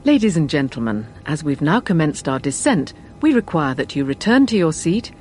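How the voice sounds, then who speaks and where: A woman's voice: sing-song, normal speed, darkish tone. A woman flight attendant reading a scripted cabin safety announcement. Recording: faint cabin rumble and noise.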